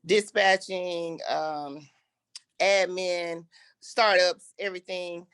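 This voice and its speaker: A woman guest introducing herself on a podcast in an unhurried way, with many fillers. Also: lowish voice, fairly even intonation, a bit bright, clean tone. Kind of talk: casual chat.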